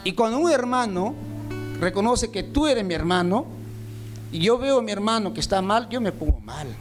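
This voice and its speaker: A man's voice: sits high, animated, moderate pace, faint music behind. A man preaching a sermon, speaking straight to his listeners and driving points home through repetition. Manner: repetitive emphatic phrasing, speaks directly to listeners. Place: church meeting room.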